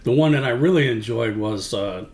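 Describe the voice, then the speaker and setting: A man in a casual chat, relaxed and opinionated, repeating his points. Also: mid-range voice, moderate pace, roomy sound, slight background noise.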